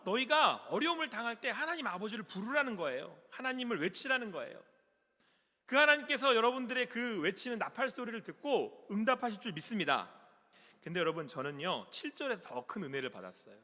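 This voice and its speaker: A man preaching a sermon as pastor, asking the congregation questions and swinging from loud calls to soft whispers. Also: high voice, very animated, fast. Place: church sanctuary. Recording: long hall reverb.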